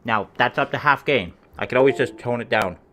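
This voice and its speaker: A man's voice: mid-range voice, fairly quick, fairly bright tone, slight background noise. A man, rambling offhand and crude as he demonstrates a homemade microphone cover in his living room. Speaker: vlogger testing gear. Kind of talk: casual home demo. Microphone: close desk microphone with homemade foam cover.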